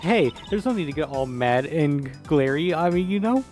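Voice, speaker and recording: A man's voice: a little high, animated, normal speed, darkish tone, faint music behind, close to an everyday voice. A man doing a woman's voice, voicing a cheeky, boastful young woman thief in a visual novel reading. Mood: teasing. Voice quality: girlish put-on voice.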